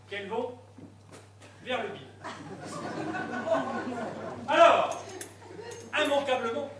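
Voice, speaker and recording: A man's voice: very high voice, a bit bright, a little hiss or hum, full character voice. A man playing a pompous mock-solemn prosecutor. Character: pompous male prosecutor addressing the court. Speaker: amateur stage actor. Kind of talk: amateur stage comedy. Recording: echoey hall, distant mic.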